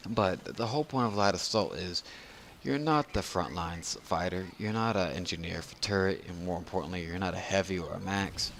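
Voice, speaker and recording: A man's voice: low-pitched, normal speed, gravelly, fairly bright tone, slight background noise. A drunk man giving casual, rambling video game commentary as a tutorial narrator, losing his train of thought.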